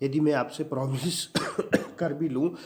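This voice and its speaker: A man's voice: fairly high pitch, fairly even intonation, slow pace, darkish tone. A male teacher voicing a meek middle-aged housewife who speaks hesitantly and apologetically.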